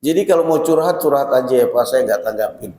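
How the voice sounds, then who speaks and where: A man with an Indonesian accent giving a lively sermon at a mosque study session, acting out parents and children in quick asides. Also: mid-range voice. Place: mosque hall. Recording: echoey mosque hall with long reverb.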